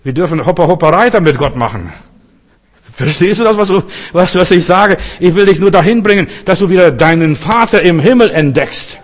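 A man preaching a sermon, lively, acting out quotes, his voice swinging between high and low. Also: a little fast, long reverb tail. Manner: lively, rising and dropping, acts out quotes.

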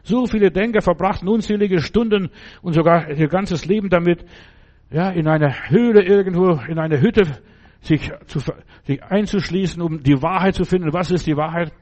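A man's voice: fairly high pitch, normal speed, a little mellow, muffled recording. A man preaching a sermon, talking straight to the listener and asking again and again whether they understand. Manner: speaks to the listener directly with repeated questions; emphatic, fervent preaching.

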